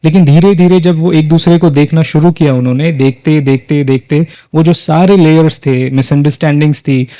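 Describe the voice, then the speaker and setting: A man's voice: fairly high pitch, steady tone, moderate pace, few pauses, mellow, no echo. A man facilitating a live workshop, leading a group exercise and often asking the audience questions. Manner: engages the audience with frequent questions, mixes in English phrases.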